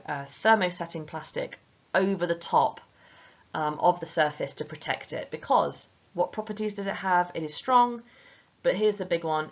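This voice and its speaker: A woman's voice: deep voice, creaky, dull audio. A woman teacher giving a revision lesson, chatty and informal, talking straight to her students.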